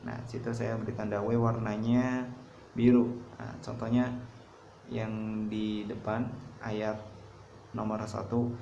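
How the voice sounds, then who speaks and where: A man's voice: lowish voice, level tone, takes it slowly, gravelly, pauses often, warm tone. A young man teaching a casual tajwid lesson, patiently explaining step by step. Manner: patient, explains step by step, says "nah" often. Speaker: Quran recitation teacher. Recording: roomy, dull lo-fi recording with faint noise.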